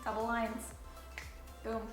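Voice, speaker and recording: Young woman, very high voice, casual co-host chat, dramatic emphasis, echoey room indoors. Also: monotone, slow pace. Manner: candid, playful, dramatic emphasis. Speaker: video creator, co-host. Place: indoors at home. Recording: roomy echo, faint music behind.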